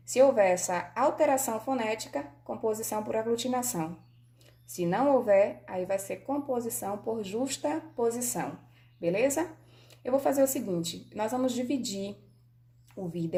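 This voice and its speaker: Woman, Brazilian Portuguese accent, grammar teacher, patient, checks in often, mellow voice. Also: mid-range voice. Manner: explains patiently, checks in with "certo?". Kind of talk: video grammar lesson.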